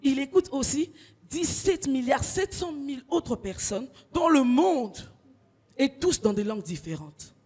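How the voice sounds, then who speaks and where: A young woman from Congo doing stand-up comedy, telling stories in slangy animated bits. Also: high-pitched, a little slow, long reverb tail. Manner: animated storytelling, street slang.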